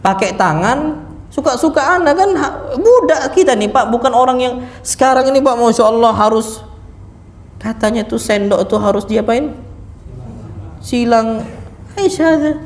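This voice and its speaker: A man giving a lively mosque lecture to a seated audience, acting out sounds and stories as he preaches. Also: very high voice, moderate pace, long pauses. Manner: lively, animated, acts out sounds and punchlines. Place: mosque hall. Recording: echoey mosque hall, faint noise.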